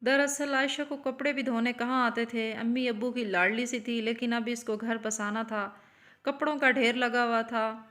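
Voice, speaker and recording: A woman telling an emotional story as scripted narration, in a steady storytelling manner. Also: fairly high pitch.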